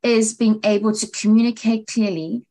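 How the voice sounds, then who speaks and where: A woman's voice: a little high, fairly even intonation, normal speed, warm tone, low-quality recording. Upbeat American woman co-hosting. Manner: upbeat, affirming, uses 'like' often. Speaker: co-host, director of training. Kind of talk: casual conversational chat.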